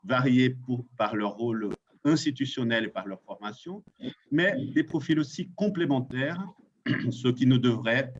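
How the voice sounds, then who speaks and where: A man moderating a webinar in a formal, measured way, introducing panelists. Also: mid-range voice, slightly rough. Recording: dull lo-fi webinar audio, faint noise.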